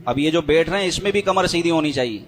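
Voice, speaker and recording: A man giving step-by-step prayer instruction who slows down to recite and demonstrate the words. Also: fairly high pitch. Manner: demonstrates recitations slowly and deliberately. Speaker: religious teacher.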